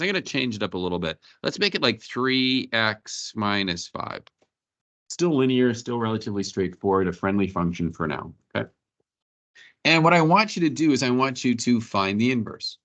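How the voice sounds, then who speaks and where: A man's voice: on the low side, fairly bright tone. A male math teacher lecturing a class, questioning students and walking them through each step.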